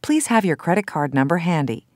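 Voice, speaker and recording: Woman acting as phone menu voice, female, lowish pitch, scripted announcement, measured, instructional, dry studio sound. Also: expressive, a little mellow, dry recording, natural voice.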